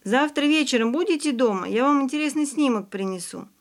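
A woman reading the lines of an eager, excitable schoolboy in an audiobook. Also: high-pitched, brisk, pitched above the performer's own voice. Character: eager schoolboy boat captain.

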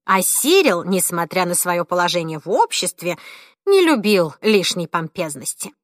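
A woman reading an audiobook, voicing a good-natured, chatty female carer with a brisk, friendly manner. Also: lowish voice, very animated, dry recording, clean studio sound.

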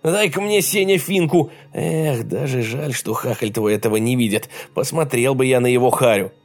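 A man's voice: mid-range voice, normal speed, faint music behind, close to an everyday voice. Coarse bandit boss man, bullying and crude, snarling threats, as a narrator puts him on. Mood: rough threatening.

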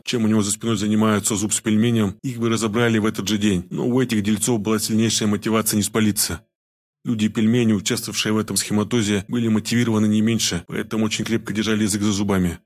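A man narrating a gritty audiobook in a steady storytelling voice with street slang. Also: lowish voice. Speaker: audiobook reader. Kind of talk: scripted narration.

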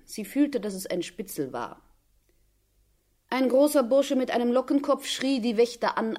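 A woman giving calm, measured scripted literary narration. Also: mid-range voice.

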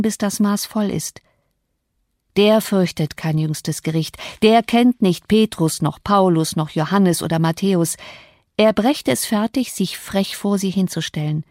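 A woman reader puts on a gruff old male servant for an audiobook. He grumbles in coarse, scornful folk speech. The sound is dry and close. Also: medium pitch, a little slow, a little mellow, dry recording, natural voice.

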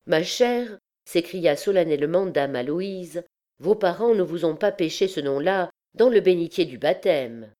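A woman's voice: fairly low pitch, moderate pace, warm tone, close to an everyday voice. A woman voicing a haughty older noblewoman who speaks solemnly and reprovingly. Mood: indignant. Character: stern noble lady, haughty older mother.

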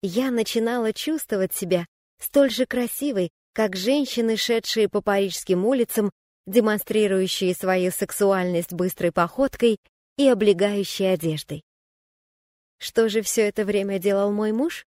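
A woman reads her audiobook memoir in the first person, calm, even and reflective. Her voice is an ordinary middle pitch and a little slow, recorded dry and close with no room sound or echo.

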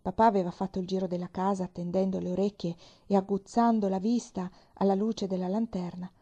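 A woman narrating a children's novel aloud, expressive and sometimes dropping to a whisper. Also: medium pitch, brisk, muffled recording. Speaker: reader. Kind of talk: audiobook narration.

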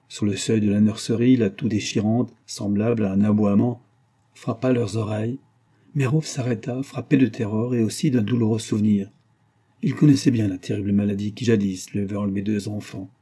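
A man narrating a classic novel aloud in a measured, steady reading. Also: fairly low pitch, husky. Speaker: audiobook narrator. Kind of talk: scripted narration.

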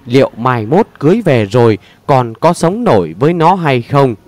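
A blunt middle-aged mother lectures and scolds without pause, as a male narrator plays her. Her voice swings widely as she nags in this storybook telling. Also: medium pitch, big pitch swings, a little mellow, no echo, lightly acted. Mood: scolding.

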